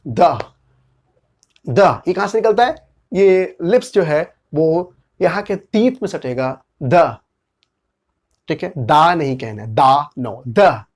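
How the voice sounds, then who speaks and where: A man with an Indian accent teaching English pronunciation, spelling out letters and repeating each sound deliberately. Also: high voice, darkish tone. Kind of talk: slow explanatory lesson.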